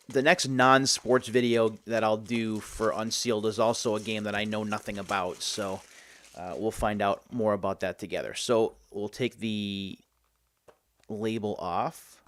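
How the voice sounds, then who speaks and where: Low-pitched man hosting a casual unboxing. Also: a bit bright, slight background noise. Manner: chatty, thinking aloud as he goes. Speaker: host of a game unboxing video series.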